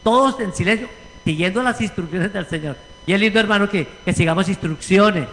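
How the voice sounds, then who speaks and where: A man with a Puerto Rican accent preaching in a church, animated, acting out voices as he leads a congregation discussion. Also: high voice, brisk. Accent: Puerto Rican Spanish. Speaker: pastor. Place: church sanctuary. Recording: church hall reverb.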